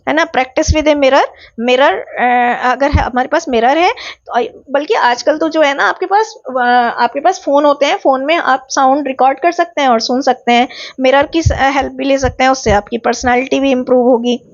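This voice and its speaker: A woman teacher giving a recorded exam-prep lecture, explaining step by step and stretching example words slowly to show stress. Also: sits high, muffled recording. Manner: explains step by step, mixing in English terms.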